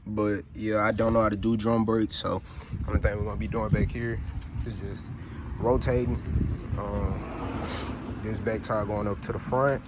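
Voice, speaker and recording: A man's voice: on the low side, normal speed. A man talking casually while he works on a truck outdoors, recorded on a phone camera. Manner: relaxed, talks as he works, points things out. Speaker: DIY car repair vlogger. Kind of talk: casual how-to narration while working. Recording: noisy outdoor phone video.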